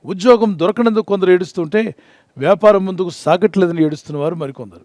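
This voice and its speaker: A man's voice: high voice, quick pace, darkish tone, no echo, studio quality. A man preaching an earnest devotional sermon, quoting scripture. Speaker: pastor.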